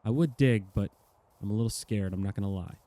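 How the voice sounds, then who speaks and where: A man's voice: fairly low pitch, brisk, warm tone, no echo. A man in his thirties giving casual, rambling and earnest commentary over a game, chatting to the viewer and teasing the animals in the game. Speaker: gaming YouTuber.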